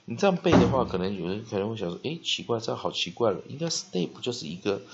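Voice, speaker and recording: A man teaching spelling and pronunciation, dotting his speech with "ah" and "ha" and slowly drawing out words to model them. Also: on the low side, big pitch swings, gravelly, heavy background noise. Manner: frequent "ah" and "ha" fillers, slow drawn-out modeling of words. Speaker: English teacher. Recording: dull lo-fi recording.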